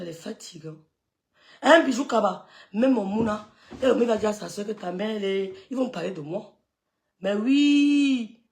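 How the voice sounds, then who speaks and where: Scornful woman with a gravelly voice. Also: mid-range voice. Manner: scolding, scornful, repeats dismissive sucks of the teeth. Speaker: social media gossip streamer. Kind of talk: heated live-stream rant.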